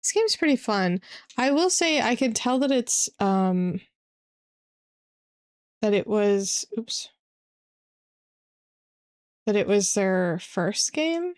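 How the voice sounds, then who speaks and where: A woman's voice: mid-range voice, very animated, slow, pauses often, smooth. Rambling woman streamer chatting casually. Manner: rambling, hesitant, many fillers and restarts. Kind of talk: casual gaming stream chat. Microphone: desk microphone.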